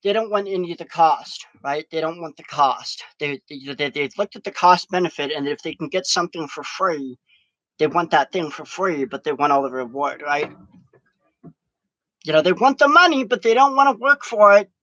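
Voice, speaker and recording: A man's voice: on the high side, expressive, normal speed, sharp tone, no room sound, lo-fi sound. A man recorded outdoors in strong wind, giving a rambling, profane vlog monologue. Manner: profane, ranting.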